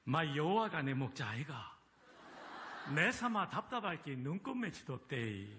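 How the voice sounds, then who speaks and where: A man's voice: fairly high pitch, big pitch swings, normal speed, fairly bright tone, a little hiss or hum. A man putting on a blunt Gyeongsang dialect. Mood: hearty. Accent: Gyeongsang dialect, put on. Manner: blunt, punchy, emphatic.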